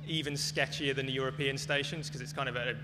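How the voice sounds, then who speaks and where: A man speaks fast, with fairly even intonation in a mid-range voice, as he answers audience questions at a live talk in a hedged, informal way. The large hall is echoey, with clear background noise and hum in the recording.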